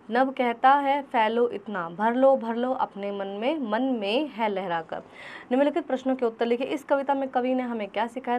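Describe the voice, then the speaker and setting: A woman teacher going through a children's textbook exercise, patiently spelling words out sound by sound. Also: fairly high pitch.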